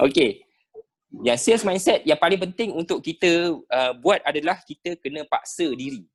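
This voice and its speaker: A Malaysian man with a Malay accent teaching sales skills in an online class over a video call, animated and dropping "ha" between phrases. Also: on the high side, a little slow. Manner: animated, peppered with "ha" and rhetorical checks. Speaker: sales trainer.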